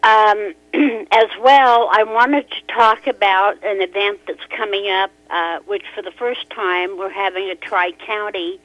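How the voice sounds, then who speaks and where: A woman calling in to a radio show over a clipped telephone line, talking casually and halting often to find her words. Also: medium pitch, fairly even intonation, a bit bright, no echo. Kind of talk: casual call-in chat. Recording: muffled phone-line audio.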